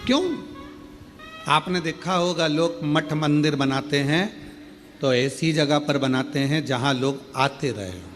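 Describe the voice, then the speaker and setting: A male preacher from India giving a devotional sermon to a live crowd, repeating phrases for rhythm and stretching key words into high, drawn-out peaks. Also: lively intonation, fairly bright tone, soft background music. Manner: reads a devotee's letter aloud between remarks. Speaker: preacher telling a Shiva Purana katha.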